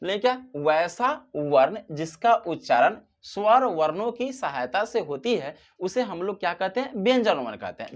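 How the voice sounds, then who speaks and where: A teacher giving a grammar lesson, posing questions and answering them, drawing out example sounds to show their length. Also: mid-range voice. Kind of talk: classroom-style grammar lesson.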